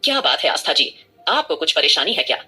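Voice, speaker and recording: A woman's voice: low voice, big pitch swings, fairly quick, sharp tone, husky, soft background music, voice pushed down, full character voice. A woman voicing an obsessed, possessive rich young man who speaks with coaxing politeness in an audio drama.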